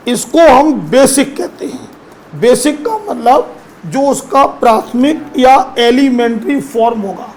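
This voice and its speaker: High-voiced male teacher, slow and coaxing. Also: slight background noise, poor audio. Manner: addresses students as children, asks them questions. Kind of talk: classroom lesson on English grammar.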